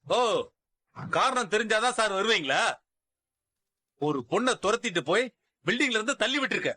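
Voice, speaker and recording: An actor playing a brusque police officer who barks orders and taunts a suspect. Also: male voice, high voice, expressive, normal speed, bright, forceful tone, heavily acted. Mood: commanding. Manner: gruff, commanding, taunting. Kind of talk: TV serial acting.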